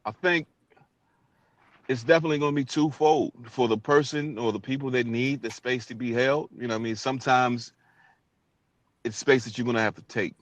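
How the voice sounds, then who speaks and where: A man's voice: medium pitch, fairly even intonation, fairly quick, long pauses, dry recording. A man speaking as a guest in a discussion, reflective and conversational. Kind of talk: podcast discussion. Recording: dull lo-fi audio.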